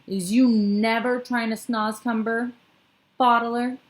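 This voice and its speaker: A gentle, good-hearted giant who coaxes and pleads in an eager, lifted voice, as a woman reading aloud puts him on. His grammar comes out charmingly jumbled, a timid soul growing brave in a storybook. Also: little pitch movement, slow pace, rough recording. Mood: anxious, coaxing. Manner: higher, eager, mangled grammar. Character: big kindly male giant, timid but clever.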